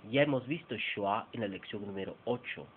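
A man from Peru teaching English pronunciation in a bilingual lesson, slowly over-articulating and repeating example words. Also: lowish voice, lively intonation. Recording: tinny lo-fi phone-like sound with faint noise.

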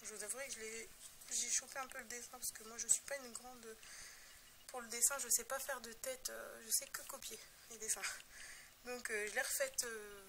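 A woman's voice: on the high side, steady tone, a little fast, background noise. A young woman casually showing her scrapbook album, talking in a rambling, hesitant way with many fillers and self-deprecating asides. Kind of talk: casual show-and-tell narration.

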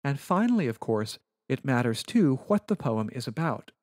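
A man at a mid pitch lectures on Latin verse in a careful, precise way, as if walking through slides. The recording is close and dry, with no room sound. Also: sing-song, darkish tone, no echo. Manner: measured, precise, explanatory.

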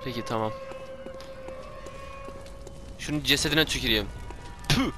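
A man commenting on his own gameplay, talking to himself, yelling and swearing when startled, his throat sore from shouting. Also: mid-range voice, unhurried, over music. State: hoarse from shouting. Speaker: gameplay streamer.

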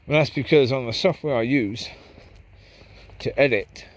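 This is a medium-pitched male voice at a moderate pace, belonging to a vlogger out with his dogs on an outdoor park path after dark. Holding the camera as he walks, he muses aloud in a loose, rambling monologue.

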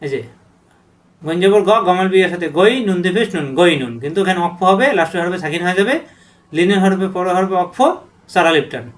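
A man's voice: sits high, quick pace. A man teaching Quran letter reading, chanting each letter name long and drawn out and then explaining how to pronounce it. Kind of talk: letter-by-letter recitation lesson.

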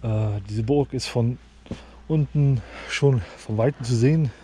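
A man's voice: mid-range voice, measured pace, mellow, a little hiss or hum. A man giving casual, appreciative, unscripted vlog commentary while sightseeing on foot. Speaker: vlogger. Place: outdoors, walking around an open castle ruin.

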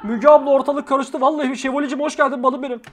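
A young woman streaming live, talking fast and high over a TV show. She jokes loudly and swears without a second thought. Her commentary is quick and excitable. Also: a little hiss or hum. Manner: loud, joking, swears freely.

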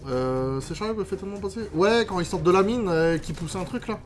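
A gaming streamer with a high voice talks fast, giving casual let's-play commentary full of slang, swearing and grumbling. Game music plays behind him.

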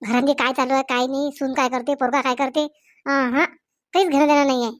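A woman's voice: high-pitched, fairly even intonation, quick pace, dry recording, studio quality, lightly acted. A woman playing Shanti, a nagging mother-in-law. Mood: scolding. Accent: Varhadi Marathi. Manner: sharp, nagging, scolding. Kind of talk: comedy sketch acting.

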